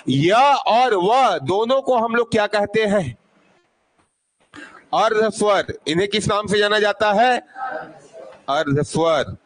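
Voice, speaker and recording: Male teacher, high voice, unhurried drilling, asks and answers himself. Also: a bit bright. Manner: repeats sounds slowly to demonstrate. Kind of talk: classroom grammar lesson.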